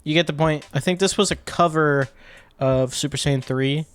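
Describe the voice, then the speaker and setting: Talking at a moderate pace in a voice on the high side, this man informally walks through his sound design as a video editor, one step at a time. Behind him, music and sound effects play as demonstrations.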